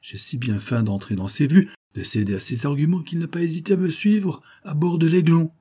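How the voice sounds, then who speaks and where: A scheming adventuress , as a male reader puts her on, her voice pitched well up from his and made soft and coaxing. She lays on a false sweetness, persuasive and smooth-talking, over a dark, husky tone. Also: brisk.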